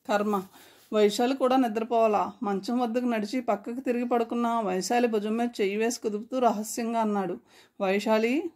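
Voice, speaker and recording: Higher-voiced woman reading a novel. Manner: steady storytelling delivery. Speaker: audiobook narrator.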